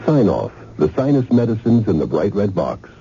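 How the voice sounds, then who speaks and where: A male announcer delivers an old radio advertisement with emphasis. His low voice has lively inflection over music, in slightly muffled period sound. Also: moderate pace. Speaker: commercial announcer. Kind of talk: 1970s radio advertisement read. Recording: muffled vintage radio recording.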